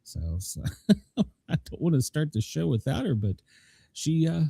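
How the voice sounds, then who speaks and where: A male radio host chats casually and irreverently, wandering from point to point. His voice is mellow and a bit rough, with very animated pitch. The sound is dry. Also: measured pace, dry recording. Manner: rambling, irreverent. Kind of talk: casual comedic live-show chat.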